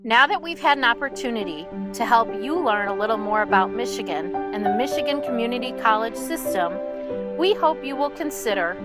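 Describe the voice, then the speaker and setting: A woman reading a scripted, inviting promotional closing narration. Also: fairly high pitch. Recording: loud background music. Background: loud music.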